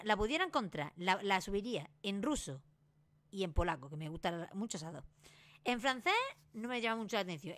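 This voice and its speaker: A woman in her late twenties from Spain with a Granada Spanish accent, rambling excitedly in a casual vlog and restarting her sentences often. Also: mid-range voice. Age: late 20s. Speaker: YouTuber.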